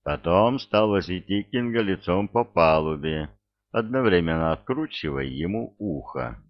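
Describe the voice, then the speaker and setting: A man reading a storybook aloud with slow, even delivery and a gravelly voice. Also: low-pitched, dull audio. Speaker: audiobook narrator.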